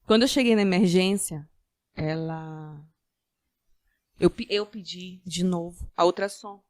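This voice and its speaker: A woman giving a personal faith-filled testimony as a podcast guest, earnest, with halting restarts. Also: fairly low pitch, no room sound, clean studio sound. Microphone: studio podcast mic.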